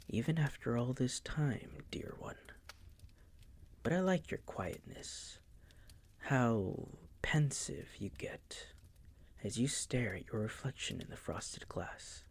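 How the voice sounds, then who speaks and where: A man performs a full character voice as a possessive vampire master in intimate audio roleplay, pitched mid-range. He keeps it hushed and breathy, silky and suave, with a teasing, condescending edge.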